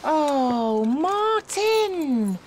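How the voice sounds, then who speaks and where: A fretful mum. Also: female voice, a little high, sing-song, moderate pace, a little hiss or hum. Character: anxious middle-aged English mother.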